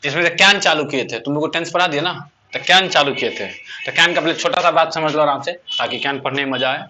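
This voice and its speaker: A male teacher leads a classroom lesson. His voice sits high and sounds sharply bright. He drills the class, firing questions and answering them himself. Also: a little fast, a little hiss or hum. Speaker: English teacher.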